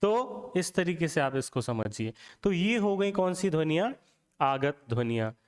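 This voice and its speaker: A man's voice: high voice, big pitch swings, unhurried. Hindi teacher man in echoey room. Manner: asks questions and answers them himself, frequent "theek hai". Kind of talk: classroom lesson on Hindi alphabet.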